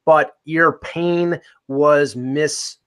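A man's voice: fairly high pitch, fairly even intonation, extremely slow, a bit bright, clear, resonant tone. A man hosting a casual sports podcast, talking in a rambling way with many restarts and fillers. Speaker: podcast host.

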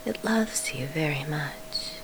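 A woman leading a guided sleep meditation in a soft, soothing whisper, pausing between short phrases. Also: deep voice, lively intonation, background noise.

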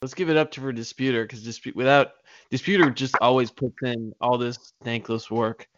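A man's voice: mid-range voice, fairly even intonation, moderate pace, no echo, muffled recording. Rambling, hesitant man on a dry call. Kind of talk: casual online show chat.

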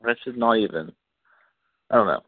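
A man co-hosting a casual podcast chat about soap operas, opinionated and quick to laugh. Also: on the low side, no echo. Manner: chatty, opinionated, laughs often. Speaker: podcast co-host. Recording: tinny phone-like line, dry.

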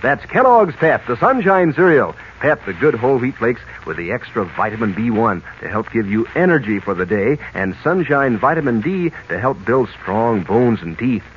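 A man on an old radio show giving a chummy, upbeat sales pitch, his intonation lively and swinging. The recording is dull and lo-fi, with a faint hiss underneath, like an archive broadcast. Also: moderate pace, few pauses. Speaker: radio announcer. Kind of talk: 1940s radio commercial.

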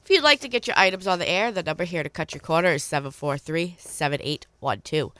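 Stuffy from a cold, a woman hosts a radio call-in swap show, reading listings and repeating phone numbers slowly and clearly. Her voice is lowish with a fairly bright tone, and there's no room sound.

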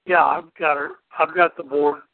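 A man, an apostle, leading a phone prayer call and praying in a steady, formulaic cadence. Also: on the high side, moderate pace, gravelly, no echo. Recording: dry tinny phone line.

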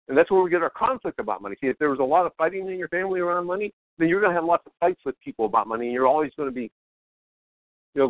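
A middle-aged man talks casually and motivationally, sounding wired on caffeine. He rambles eagerly, repeating and restarting phrases at a medium pitch. The recording is dry and slightly dull, like a band-limited radio feed. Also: no echo. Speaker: self-help author, interview guest.

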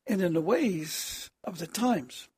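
A preacher with a harsh, hoarse voice, speaking haltingly in an extemporaneous sermon addressed as prayer, often clearing the throat. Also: medium pitch, expressive, a little mellow, slight background noise.

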